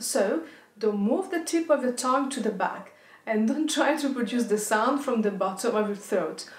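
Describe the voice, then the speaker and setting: A woman's voice: fairly high pitch, roomy sound. A middle-aged woman with an Italian accent giving an instructional pronunciation lesson, demonstrating rolled R exercises and enunciating example words. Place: indoor studio with plain backdrop.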